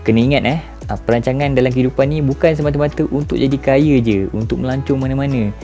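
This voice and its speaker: A man's voice: medium pitch, mellow. A man in his twenties with a Malaysian Malay accent, talking casually and reflectively to his viewers and asking them rhetorical questions. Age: 20s. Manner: informal, addresses viewers directly with rhetorical questions. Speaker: vlogger. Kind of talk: casual reflective monologue to camera.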